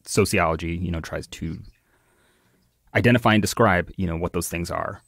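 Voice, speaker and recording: A man's voice: deep voice, normal speed, a bit bright, no echo, studio quality. A man talking as an astrologer co-host in a casual podcast chat, hesitant, full of fillers and restarts.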